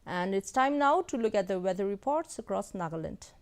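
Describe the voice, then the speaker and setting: A woman's voice: mid-range voice, animated, brisk. A woman reading scripted news as an anchor in a formal manner.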